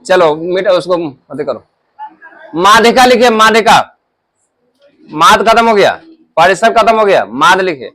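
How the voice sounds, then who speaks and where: A man's voice: high voice, animated, measured pace, long pauses, pushed and bright. A man teaching math to a classroom in a Bihari Hindi accent, quizzing pupils and scolding them. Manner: scolding, drills pupils with call-and-response questions.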